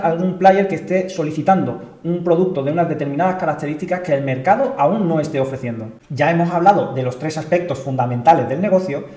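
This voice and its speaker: A man mentoring startups, narrating a case study in a measured, explanatory way. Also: fairly high pitch, dark tone. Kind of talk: scripted narration. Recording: echoey room.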